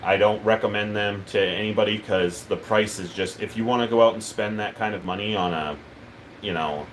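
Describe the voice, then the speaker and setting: Deep-voiced guy rambling on his livestream, lots of ums, faint ac hum behind. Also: normal speed. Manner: relaxed, rambling, many ums and uhs. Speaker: livestream host. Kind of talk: casual live-stream chat.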